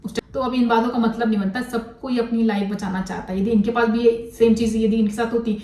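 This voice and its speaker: Woman vlogger, fairly high voice, scolding and opinionated, recorded in an echoey room away from the mic. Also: fairly even intonation, quick pace, warm tone, distant mic. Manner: blunt, scolding, mixes English words into Hindi. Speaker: commentary vlogger. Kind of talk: critical commentary on a controversy.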